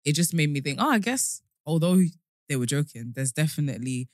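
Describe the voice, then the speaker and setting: A young woman with a British accent talks frankly on a podcast, her voice low yet lively in its swings. She laughs easily between points. The sound is dry and close to the mic. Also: a little fast, dry recording. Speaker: podcast co-host. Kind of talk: casual chat.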